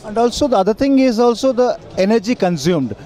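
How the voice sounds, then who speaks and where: High-voiced interviewer, mellow. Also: male voice, expressive. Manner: halting questions with fillers. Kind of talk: trade show interview. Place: busy expo hall. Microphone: handheld mic.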